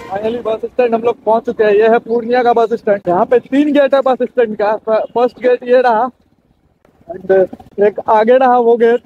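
This is a young Bihari man's motovlog, recorded outdoors as he rides his bike on town roads and chats casually to viewers, often repeating himself. His voice is extremely high with little pitch movement and a moderate pace, captured with phone-quality sound and slight background noise.

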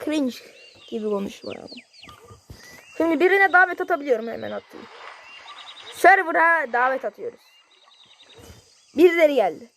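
A man giving casual, excitable gameplay commentary in slangy speech, yelping at sudden moments. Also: very high-pitched, moderate pace, gravelly, pauses often, a little hiss or hum. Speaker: gameplay streamer.

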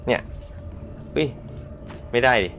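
A male gameplay streamer reacts live while playing a horror game, speaking slowly with a slightly bright, tense voice. He mutters in a whispery way and breaks into sudden startled yelps. His lo-fi mic gives a dull sound with faint hiss.

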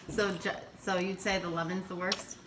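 A woman's voice: lowish voice, flat delivery, unhurried. A woman chatting casually as a mother with her family in a room at home. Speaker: mother behind the camera. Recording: hissy home phone recording with clicks.

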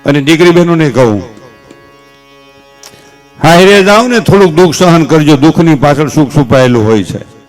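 A man's voice: fairly high pitch, normal speed, long pauses, faint music behind. Folksy Kathiawadi man telling stories on stage. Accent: Kathiawadi Gujarati. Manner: folksy, animated storytelling with gestures; earnest advising. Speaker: stage comedian. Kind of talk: humorous stage talk with advice.

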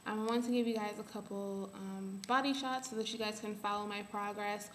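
A young adult woman giving a casual update to camera, halting as she thinks aloud. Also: medium pitch, steady tone, fairly bright tone. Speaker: vlogger. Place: small bare room at home. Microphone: webcam or laptop at arm's length. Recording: echoey room, faint background hiss.

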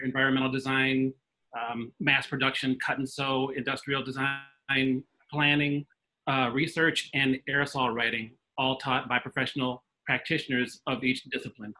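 A middle-aged man from the Midwest of the US introducing his arts organization on a video call, fluent and listing things crisply. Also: medium pitch, sharp tone, rough recording. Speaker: panelist, arts organization founder. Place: home room with framed posters. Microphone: video call webcam.

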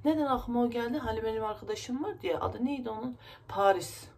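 A woman's voice: a little high, a little fast, a little mellow. A woman vlogger venting to her viewers in a rambling, emotional way, her nose stuffy from crying. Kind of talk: casual vlog talk to viewers.

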